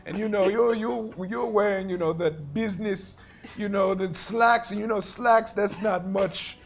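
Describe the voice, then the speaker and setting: A man's voice: high voice, measured pace, a little hiss or hum. A man role-playing a tabletop hero, rambling and flustered and often laughing. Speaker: player.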